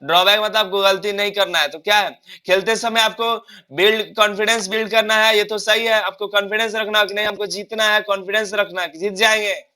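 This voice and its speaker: A young man from India with a Hindi accent, teaching an online exam-prep lesson, who asks questions and answers them himself, with frequent restarts and English questions read slowly word by word. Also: high-pitched, steady tone, bright, forceful tone. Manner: repeats and restarts words often.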